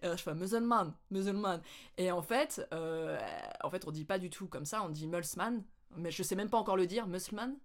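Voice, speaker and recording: French woman vlogging, chatty and animated, laughs a lot telling stories. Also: fairly low pitch, fairly quick, hardly any pauses. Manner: animated, laughing, with playful English mimicry. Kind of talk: casual storytelling.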